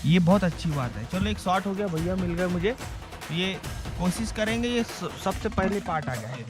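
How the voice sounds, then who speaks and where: A man talking casually while hiking, excitedly pointing things out. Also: sits high, moderate pace, loud music behind the voice. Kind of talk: on-the-trail vlog chat.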